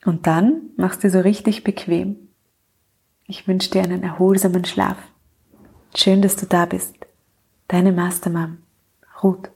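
A woman hosting a podcast with calm, measured scripted narration, addressing the listener directly. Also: lowish voice, gravelly, breathy edge. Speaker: podcast host, coach for mothers.

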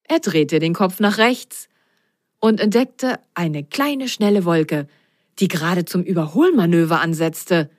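A woman reading a children's story aloud in a slow, expressive storyteller manner. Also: on the low side, dry recording, studio quality.

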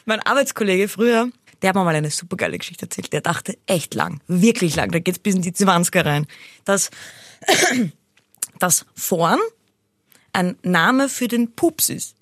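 A young woman, chatting casually as a podcast co-host, excitable and quick to exclaim. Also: on the low side, no room sound, clean studio sound. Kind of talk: casual chat.

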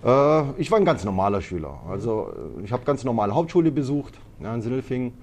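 Man, guest on a podcast, grew up in Italy, hesitant, lots of fillers, mid-pitched voice. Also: big pitch swings, fast talker, darkish tone. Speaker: podcast guest, martial arts trainer. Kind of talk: casual interview talk.

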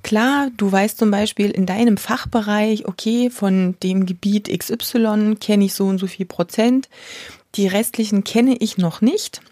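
A woman's voice: mid-range voice, unhurried, mellow, no room sound. A woman hosting a podcast, talking casually and chatting about a book with frequent fillers. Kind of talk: casual talk with a book reading.

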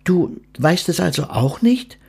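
A small curious female duck from a storybook, as a man reading aloud puts her on. She speaks in a raised, soft voice with a husky edge. She is slow and wondering, and her questions lift brightly. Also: on the high side, big pitch swings, voice pushed up, heavily acted.

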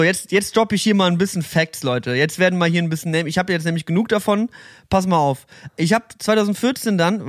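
Slangy man with a high voice. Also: no echo, studio quality. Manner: swearing, slangy banter. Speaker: podcast co-host. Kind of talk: casual podcast chat.

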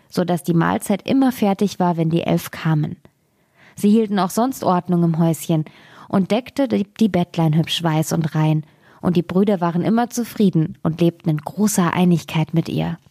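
A woman reading a fairy tale aloud for a radio podcast in a calm, even storytelling manner. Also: fairly low pitch, no echo, studio quality.

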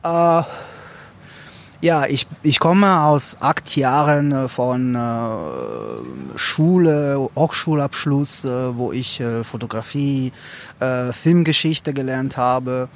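A man answering interview questions as a lecturer, speaking haltingly with many fillers. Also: mid-range voice, expressive, vocal fry.

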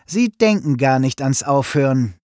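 A man narrating a children's story in an expressive, storytelling manner. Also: mid-range voice, unhurried, no echo, clean studio sound.

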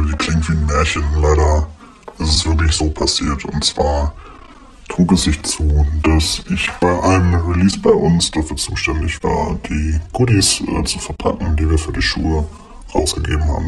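An anonymous man telling a story in a disguised, pitched-down deep voice, hesitant with many fillers. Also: expressive, normal speed, music in the background. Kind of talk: casual spoken anecdote.

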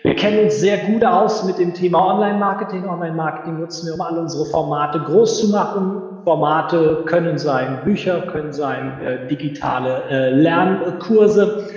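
A man's voice: normal speed, a little mellow. Guy on a bad home office recording, super echoey roomy sound, dull lo-fi mic, explains stuff with lots of uh's. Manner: explains at length with frequent filler sounds and restarts. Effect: low-quality home-office recording with heavy room reverb and no proper mic. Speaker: interview guest, event entrepreneur. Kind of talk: conversational interview explanation. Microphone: unsuitable microphone. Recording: echoey lo-fi reverberant room.

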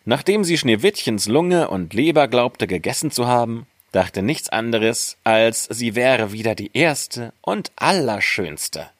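A man reading a fairy tale aloud, slow and expressive. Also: mid-range voice, no room sound, clean studio sound. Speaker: narrator.

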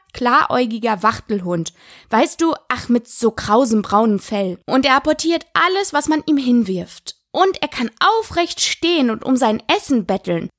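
A woman's voice: sits high, a bit bright, no echo, studio quality, pitched above the performer's own voice, exaggerated voice. A woman voicing a polite, curious young girl who chatters eagerly and apologizes often.

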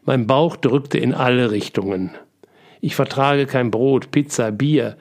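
A man's voice: mid-range voice, unhurried, darkish tone. A man reading the part of a tired, tipsy older father who keeps chuckling through his story, in an audiobook. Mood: rueful. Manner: giggly, breathless telling.

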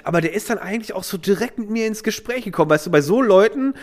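A man's voice: sits high, quick pace. A man, telling an anecdote in casual chat and acting out the voices of the people in it. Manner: animated, acts out quoted voices, many fillers. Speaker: storyteller guest.

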